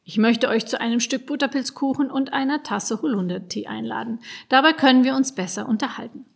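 A woman's voice: fairly high pitch, a little fast, gravelly, breathy edge. A woman voicing a grumpy male forest kobold over a hundred years old, indignant and lecturing, in a storybook reading. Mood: explaining.

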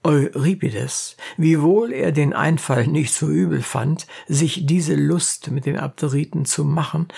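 A woman narrating a classic novel aloud in a measured storytelling manner. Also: low voice, creaky, darkish tone, breathy edge. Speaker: audiobook narrator.

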